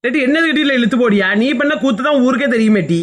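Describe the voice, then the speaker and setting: A woman's voice: high voice, fast talker, close to an everyday voice. A woman playing a brash, taunting village gossip. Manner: taunting and loud. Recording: noticeable background noise.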